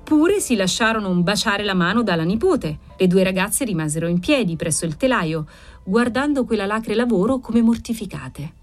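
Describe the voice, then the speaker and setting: A woman's voice: medium pitch, expressive, moderate pace, faint music behind. Woman narrating a classic novel. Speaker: audiobook narrator. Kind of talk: audiobook reading.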